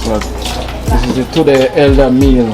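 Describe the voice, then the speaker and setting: A man's voice: medium pitch, steady tone, a little slow. A Jamaican man making casual, short prompts in conversation. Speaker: person filming and prompting. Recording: echoey, distant from mic, music behind.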